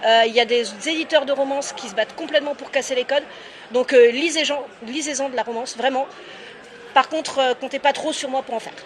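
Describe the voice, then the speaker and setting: Fast-talking, high-voiced French woman author. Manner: lively, candid, many hesitations. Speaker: author guest. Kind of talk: casual interview answers.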